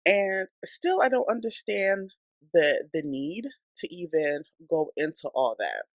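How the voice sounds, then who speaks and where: A woman's voice: lowish voice, sing-song, a little slow, no room sound. A woman hosting a celebrity gossip channel, speaking in a blunt, opinionated, chatty way while congested from a cold and breathing hard. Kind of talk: casual celebrity gossip commentary.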